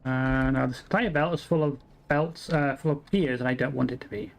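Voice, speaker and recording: Speaking briskly in a mid-range voice with vocal fry, a game streamer from Wales with an English accent provides casual commentary on a factory-building game. He curses freely, talks under his breath, and keeps belittling himself.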